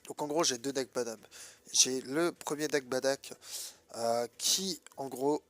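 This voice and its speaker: In a dry recording, a gaming video host with a cold speaks in an unhurried, medium-pitched, fairly bright voice that's clogged and nasal from his blocked nose. His gameplay commentary is casual and colloquial, full of hesitations as he thinks aloud.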